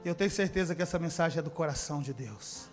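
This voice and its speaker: A man from preaching a sermon as pastor, calling out to the congregation and swinging from shouting to near-whispering. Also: a little high, quick pace, faint music behind. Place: church service.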